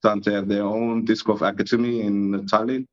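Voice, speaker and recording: The interview guest, a disc golf YouTuber with an Estonian accent, replies easygoingly and modestly. His voice is lowish and level in tone, his pace moderate, and the recording sounds muffled and lo-fi.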